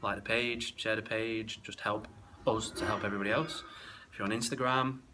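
A man's voice: lowish voice, steady tone, moderate pace, background noise. A young man co-hosting a casual gym vlog, joking around and laughing as he rambles. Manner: jokey, laughs often, rambling. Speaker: co-host. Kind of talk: casual chat.

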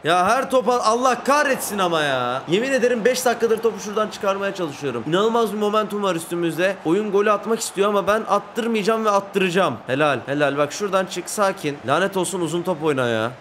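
A man's voice: high voice, lively intonation, fast, hardly any pauses, slight background noise. Fired-up young man calling a football game. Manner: swings from muttering to shouting at the match, curses, urges players on. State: tired late at night. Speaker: gaming YouTuber. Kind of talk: excited gameplay commentary.

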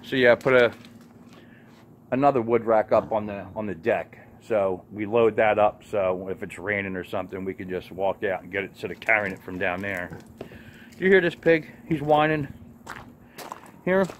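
A man's voice: lowish voice, fairly even intonation, brisk, slight background noise. Laid-back plainspoken man. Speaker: homesteading vlogger. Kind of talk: casual rambling chat.

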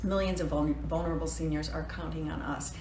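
A woman's voice: low voice, steady tone, brisk, darkish tone, slight background noise. A woman in her sixties chatting and joking on a phone livestream from her living room. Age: 60s. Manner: chatty, self-deprecating, joking. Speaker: actress hosting a birthday fundraiser livestream. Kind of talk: casual livestream chat. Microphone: phone at arm's length. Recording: roomy home phone recording.

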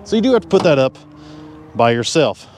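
A man's voice: a little high, very animated, a little fast, darkish tone, a little hiss or hum. A man giving a casual walkaround review of a pickup truck, talking in a folksy, conversational way as he points out features. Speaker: car reviewer. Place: in and around a pickup truck at a dealership.

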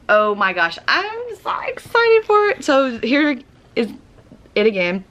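A young woman chatting excitedly through a casual unboxing vlog at home. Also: medium pitch. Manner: chatty and excitable, quick gasps of delight. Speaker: YouTuber.

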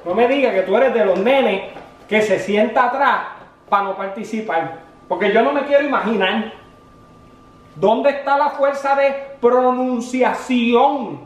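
Exasperated dad, echoey. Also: male voice, extremely high pitch, distant mic, slight background noise. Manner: exasperated, scolding, fast teacher talk. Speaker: comedian playing a dad homeschooling his kid. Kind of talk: comedy sketch.

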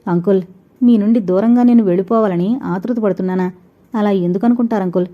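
A woman voicing a young working woman in a storybook reading, speaking calmly and reasonably. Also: medium pitch, fast, muffled recording, natural voice. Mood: pleading.

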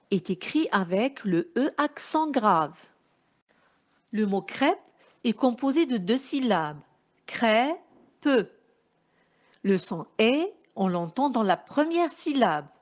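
A woman teacher with a Moroccan French accent giving a slow phonics lesson to young pupils, carefully articulating and repeating each sound. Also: a little high, a little mellow. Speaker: primary school teacher.

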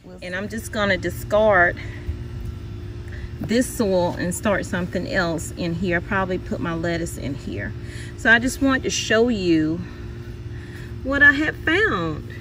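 A woman's voice: on the low side, a little slow, pauses often, noisy background. A woman casually walking viewers through her backyard garden, chatty and exclamatory, calling them y'all. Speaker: home gardener vlogger.

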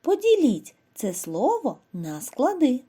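A Ukrainian woman teacher giving a scripted lesson to young children, in a slow, clear, sing-song way. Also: high voice, wildly swooping pitch, warm tone. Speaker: primary school teacher.

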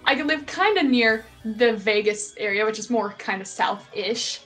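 Lady from maine rambling over a game, kinda high voice, swears a lot, laughs easy, quiet music behind. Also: expressive, moderate pace. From Maine, USA. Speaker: co-host of a gaming stream. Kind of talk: casual chat while gaming.

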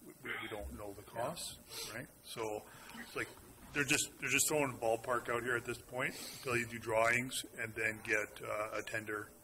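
A man's voice: medium pitch, steady tone, moderate pace, noisy background. Hesitant man at a council meeting. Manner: repeats words, hesitant restarts. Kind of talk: meeting discussion.

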